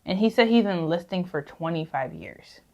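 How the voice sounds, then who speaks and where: Young woman cohost, lowish voice, steady and opinionated, chatting. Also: normal speed, creaky, lo-fi sound. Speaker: podcast co-host. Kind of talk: casual chat.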